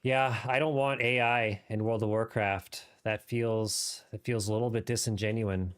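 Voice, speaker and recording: A man's voice: on the low side, fairly even intonation, moderate pace, clean tone. A man streaming a game live, chatting casually and riffing off the cuff in a rambling way. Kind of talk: casual livestream chat while gaming.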